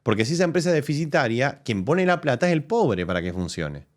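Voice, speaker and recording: Reacting to a press conference on his live show, this Argentine political commentator host argues his case in casual, animated fashion. He speaks quickly in a medium-pitched voice with an Argentine Spanish accent, thinking out loud and often starting his sentences over.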